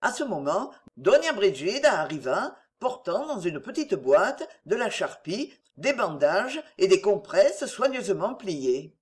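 A woman narrating a novel as an audiobook, with expressive storytelling. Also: medium pitch, unhurried, hardly any pauses.

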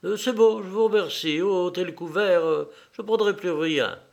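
A man's voice: a little high, moderate pace, bright, forceful tone, pitched above the performer's own voice. A man voicing a stern, commanding widowed mother who speaks in curt, clipped demands. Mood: dismissive.

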